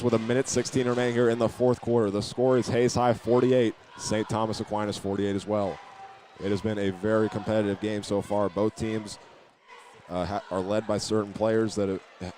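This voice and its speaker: A man with a lowish, slightly mellow voice provides live sports commentary on a basketball game inside an arena. His call includes the odd stumble or repeated word, and noisy gym sounds fill the background.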